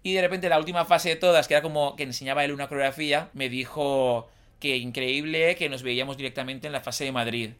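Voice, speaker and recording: A young man from the Valencia region with a Valencian accent, whose first language is Valencian, chatting casually on a podcast and telling a lively, slangy anecdote. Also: mid-range voice, fast, clear, resonant tone. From Valencia region, Spain. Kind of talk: casual chat, storytelling.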